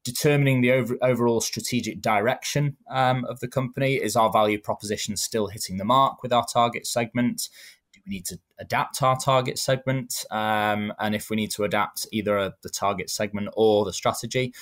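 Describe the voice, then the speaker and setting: A man in his thirties with a Manchester accent, answering interview questions in a measured, explanatory way with frequent ums. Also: mid-range voice, fairly even intonation, fairly bright tone. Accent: Manchester English. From England. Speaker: guest.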